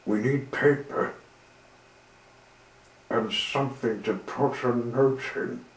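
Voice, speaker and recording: Steady easygoing train driver, narrator doing the voice, slow talk, echoey room. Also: male voice, medium pitch, natural voice. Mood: practical. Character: calm steady male engine driver. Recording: roomy with faint hiss.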